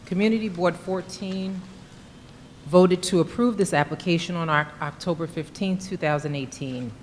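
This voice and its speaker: A woman chairing a public hearing, reading a formal procedural script in a courtroom-style recording. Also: normal speed. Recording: long reverb of a hearing room with faint rumble.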